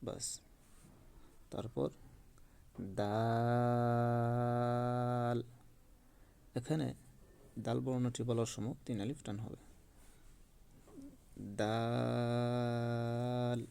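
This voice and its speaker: A man teaching Quran recitation in a slow, patient lesson, drawing out each demonstrated letter. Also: mid-range voice, creaky, dark tone.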